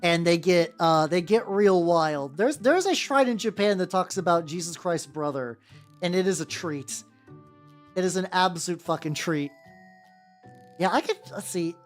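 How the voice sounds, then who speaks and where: A woman with a fairly low voice livestreams casually as a VTuber at a moderate pace, painting miniatures while she answers viewers. She rambles, chats loosely, swears freely and reacts to chat. Faint music plays in the background.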